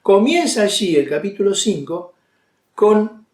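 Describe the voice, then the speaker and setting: High-voiced Argentine preacher, echoey room. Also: male voice, very animated, unhurried, darkish tone. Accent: Argentine Spanish. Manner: conversational, with frequent fillers and restarts. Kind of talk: sermon.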